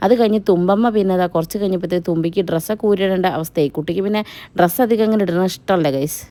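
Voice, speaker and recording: A woman's voice: lowish voice, racing, dark tone. A young woman, narrating a family wedding vlog in a chatty, teasing voice-over that speaks straight to viewers. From Kerala. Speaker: family vlogger. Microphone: voice-over mic.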